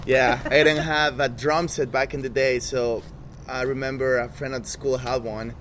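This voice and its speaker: A man from El Salvador, a drummer, telling chatty, animated anecdotes. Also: mid-range voice, normal speed. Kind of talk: casual storytelling. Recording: outdoor with faint traffic noise.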